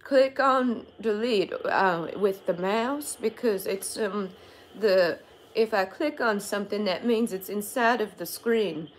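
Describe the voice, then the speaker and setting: A young adult woman uses her natural voice, medium in pitch and slow, to play a befuddled old woman in an improvised prank call. The character is hesitant, puzzled, and takes everything literally. She's in a small furnished bedroom, and there's a little hiss or hum.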